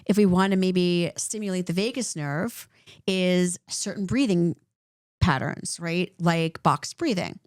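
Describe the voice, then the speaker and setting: A woman's voice: fairly low pitch, a little slow, no echo, clean studio sound. A woman clinician co-hosting a podcast, explaining points in a conversational way and often checking in with "right?". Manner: animated, repeats points with "right?".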